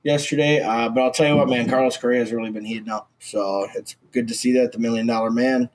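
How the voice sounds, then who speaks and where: Speaking fast with fairly even intonation, this twenty-something podcast co-host from Minnesota has a mid-range, slightly scratchy voice. He chats brashly about sports on a casual show, swearing and leaning on fillers.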